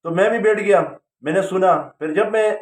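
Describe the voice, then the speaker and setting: A man casually telling a personal story, rambling, with frequent hesitations. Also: sits high. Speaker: storyteller recounting his religious journey. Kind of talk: casual spoken testimony. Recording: roomy, distant from the mic.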